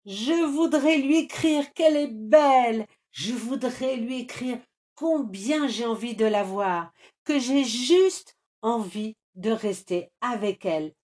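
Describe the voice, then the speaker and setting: A woman's voice: on the high side, pitched above the performer's own voice. A woman doing a roaring, fed-up storybook lion. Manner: roaring, shouting in bursts. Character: proud frustrated male lion, king of the savanna.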